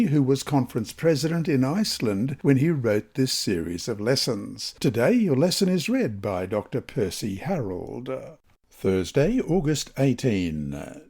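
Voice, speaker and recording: Reading Bible study lessons is this Australian man's role, and here he voices a devotional one in a mellow, soft-edged tone that is slightly rough. His pace is careful and deliberate, while lively pitch movement shapes both the script and the scripture expressively.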